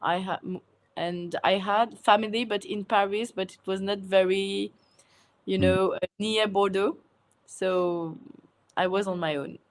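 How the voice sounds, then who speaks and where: Guest: woman, unhurried and hesitant, filler-heavy, laughs often. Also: medium pitch, steady tone. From Mauritius. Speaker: guest, food content creator. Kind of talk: casual interview answers.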